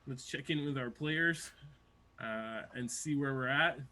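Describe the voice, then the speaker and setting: A man's voice: medium pitch, measured pace, bright, forceful tone. A man narrating a tabletop game as its game master.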